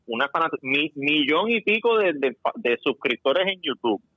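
A man's voice: fairly high pitch, very animated, normal speed, dry recording, dull audio. A man hosting a casual podcast, telling stories animatedly and swearing casually. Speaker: podcast host.

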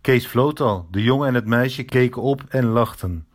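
A man's voice: medium pitch, moderate pace. Man reading a storybook aloud. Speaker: narrator.

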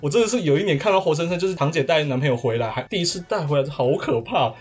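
A man's voice: a little high, animated, very fast, husky. A man co-hosting a casual podcast chat in a chatty way, often humming along with his partner. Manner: chatty, frequent backchannel hums. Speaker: podcast co-host.

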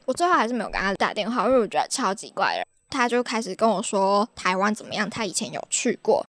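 Lively Taiwanese woman podcast host. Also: mid-range voice, quick pace, no room sound. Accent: Taiwanese Mandarin. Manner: chatty, exasperated, laughs at her own stories. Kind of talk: casual podcast storytelling.

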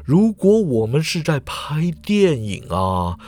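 A man voicing a grave older male professor who speaks slowly and quietly. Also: big pitch swings. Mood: wry. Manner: low, slow, subdued.

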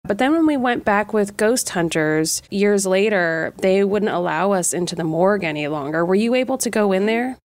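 A woman's voice: mid-range voice, lively intonation, normal speed, few pauses, a little mellow, no room sound. A woman hosting a casual podcast chat, reflective and conversational, musing as she talks.

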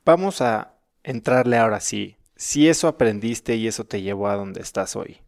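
A man hosting an interview, asking reflective, measured questions. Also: fairly low pitch, gravelly. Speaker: host, interviewer.

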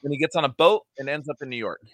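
A podcast host with a fairly high, bright voice races through his words, with no echo in the recording. Chatting bluntly and casually with his cohosts, he swears freely and gets heated ranting about a movie.

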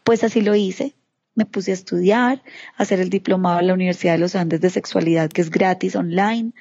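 Her voice is on the low side and fairly quick, captured in lo-fi sound. She's a paisa-accented woman from Colombia's Antioquia region, appearing as an interview guest to share a personal family story, animatedly acting out what her relatives said.

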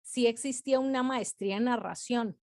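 Brief: woman in her thirties, interview guest, somewhat high voice, animated and chatty storyteller. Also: moderate pace. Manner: animated, chatty, frequent filler words.

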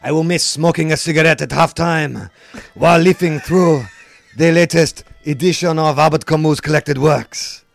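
A man's voice: a little high, fairly even intonation, normal speed, creaky, faint music behind, pitched below the performer's own voice. A man playing a drunken, boastful French retired footballer with a put-on French accent, rambling and pompous. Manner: pompous, tipsy, rambling, bursts of shouting. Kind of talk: comedic podcast bit.

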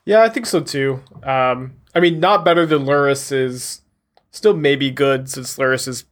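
A man's voice: mid-range voice, measured pace. A man guesting on a casual podcast, thoughtful and analytical, weighing ideas with frequent ums. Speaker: guest deck builder.

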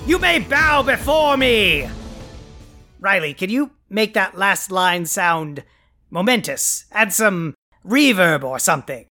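A pompous, theatrical male supervillain , as a performer puts him on, lords it over his listeners with bombastic decrees and sneering insults. His voice is bright and cutting, and his temper flares easily. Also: medium pitch, animated, takes it slowly, soft background music, heavily acted. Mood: grandiose, then peevish. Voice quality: bombastic, grandiose proclamations. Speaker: podcast host. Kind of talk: comic scripted podcast.

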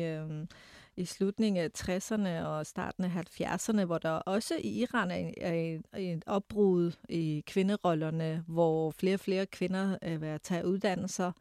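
A woman reading a novel aloud in a measured way, then discussing it with some hesitation. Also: fairly low pitch, steady tone, a little mellow, dry recording, studio quality. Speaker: guest reader.

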